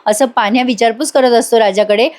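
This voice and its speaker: A woman's voice: on the high side, steady tone, brisk, darkish tone. Chatty Marathi woman recapping a serial. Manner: chatty, retells scenes quoting characters' lines with light acting. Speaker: serial review narrator. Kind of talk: voice-over episode recap.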